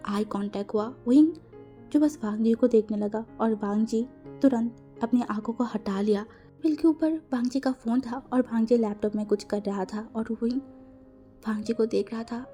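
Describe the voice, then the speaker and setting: A woman narrates a fan-written story in a relaxed, chatty way and slips English words in as she goes. Her voice sits a little high and sounds soft and mellow. Quiet music plays underneath.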